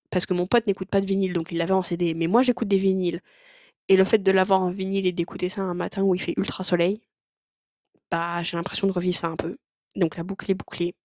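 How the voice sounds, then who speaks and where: A woman's voice: medium pitch, darkish tone, no echo, studio quality. A young woman vlogging in casual, rambling chat with lots of fillers and slang.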